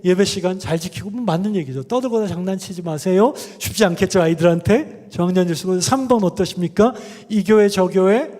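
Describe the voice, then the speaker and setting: A man gives a conversational sermon as a guest professor, often turning to the congregation with questions. His voice sits high for a man. The sound carries a long reverb from the church sanctuary. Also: a little mellow. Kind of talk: sermon with sung examples.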